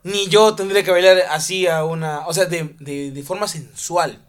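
A man's voice: fairly high pitch, steady tone, normal speed. A man co-hosting a podcast in casual chat, joking and teasing, laughing often. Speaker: podcast co-host.

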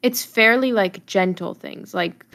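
A woman's voice: mid-range voice, a little slow, fairly bright tone. Young woman co-host reacting casually. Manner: reactive, asks questions, easy laughs. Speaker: podcast co-host listening and reacting. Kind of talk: casual chat.

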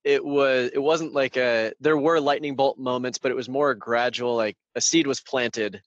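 A man's voice: mid-range voice, fairly even intonation, moderate pace, dry recording, highs cut off. Male podcast host, chatty and informal, loose rambling phrasing, tucked in a clothes closet with very dry acoustics. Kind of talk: casual podcast conversation. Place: small clothes-filled closet as home studio.

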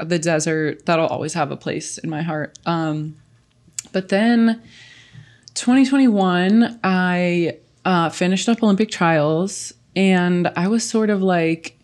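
Chatty woman guest with a low voice. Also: a little mellow. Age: late 20s. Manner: chatty, filler-heavy, laughs often. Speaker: guest swimmer. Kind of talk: casual podcast chat.

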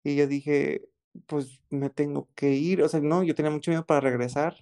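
A man with a Mexican accent telling a story in casual chat, excited and slangy, often repeating exclamations. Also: a little high, moderate pace. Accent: Mexican Spanish.

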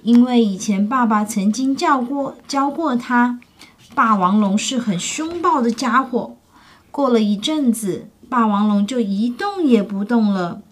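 Reading a picture book to children at a slightly slow pace, a woman with a fairly high voice brings the story to life expressively. Every so often she pauses to put questions to her young listeners.

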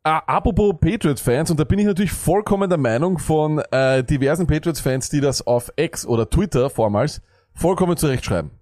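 Ranting man, slightly high voice. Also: animated, a little fast, darkish tone, no echo, clean studio sound. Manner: ranting, sarcastic, jumps between thoughts. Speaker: podcast co-host. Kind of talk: casual fantasy football chat.

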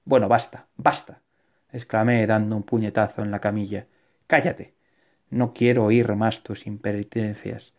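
A man's voice: on the low side, level tone, measured pace, darkish tone. A man voicing an irritable, proud middle-aged author who bursts out in exasperation, read as an audiobook. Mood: exasperated. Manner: exasperated, raised outbursts. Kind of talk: audiobook reading. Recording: dull lo-fi recording.

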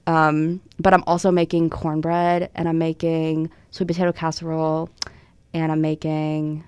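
A chatty woman co-hosts a casual talk show. Her voice sits a bit low and sounds smooth and clean. She tells stories and teases her friends with ease. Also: level tone, moderate pace, darkish tone, dry recording. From Tennessee. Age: 20s. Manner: chatty, storytelling, teasing. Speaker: co-host. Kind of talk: casual chat.

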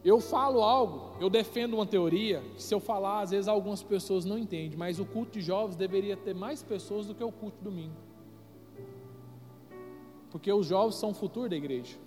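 A man's voice: sits high, a little fast, darkish tone. A man preaching emphatically to a youth congregation as pastor. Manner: emphatic, addresses the congregation directly. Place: church sanctuary. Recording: reverberant church hall with music behind.

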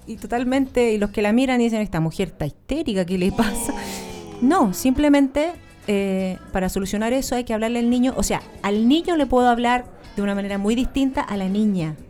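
A Chilean woman with a somewhat high, mellow voice talks through her ideas in a lively, explanatory way. She is a guest speaker in a relaxed interview. Soft music plays faintly behind her. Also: brisk, few pauses. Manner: animated, explanatory. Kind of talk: casual interview chat.

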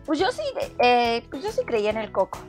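A young woman with a Mexican Spanish accent in a teasing casual chat, at times dropping to a soft murmur. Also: a little high, big pitch swings, fairly quick. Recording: clear background music.

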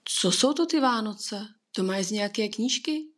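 A woman playing a caring mother in a storybook, brisk and fussing, with a breathy voice. She sounds concerned and practical at once. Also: medium pitch, animated, natural voice. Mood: worried.

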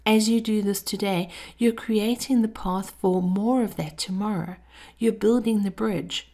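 In an intimate, measured podcast monologue of scripted motivation, a woman speaks with a steady, dark tone at a mid-range pitch. Her voice is breathy and repeatedly slips toward a whisper.

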